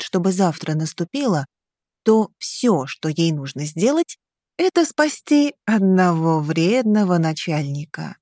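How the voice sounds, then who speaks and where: A woman narrating a fantasy novel in a slow, measured audiobook reading on a close mic. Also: fairly low pitch, warm tone, dry recording.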